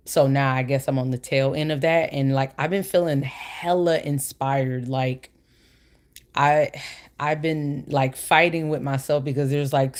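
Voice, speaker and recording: A woman's voice: very deep voice, darkish tone. A woman hosting a casual livestream chat, talking in an informal, slangy, meandering way, her speech slightly slurred by the retainer she is wearing. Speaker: livestream host.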